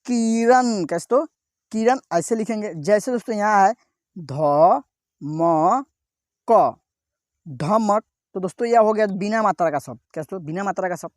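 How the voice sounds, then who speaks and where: A male teacher giving a step-by-step reading lesson, sounding out each syllable slowly and repeatedly asking his viewers "what, friends?". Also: high voice, no echo, clean studio sound.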